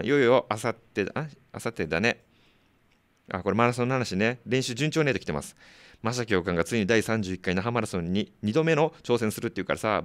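Fast, lively community radio DJ. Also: male voice, lowish voice, no room sound. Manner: chatty, laughing often, quick asides to listeners. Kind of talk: community radio listener-mail segment.

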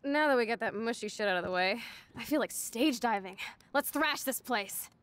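A woman's voice: on the high side, expressive, moderate pace, fairly bright tone. An American actress playing a rebellious, sweary punk girl of about nineteen in a video game, cocky and sarcastic. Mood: excited, cocky. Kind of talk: video game drama acting.

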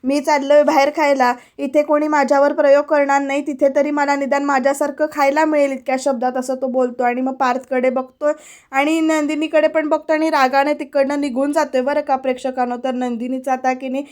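Lady doing a serial recap voiceover, high voice, kinda flat, mellow tone, talks to the viewers. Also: fairly quick. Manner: animated retelling, quotes the characters' lines and addresses viewers directly. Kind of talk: retelling a TV serial episode.

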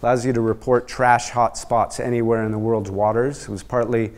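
A man's voice: mid-range voice, little pitch movement, brisk. A middle-aged man giving a university lecture in a large hall, explaining with analogies and a few fillers.

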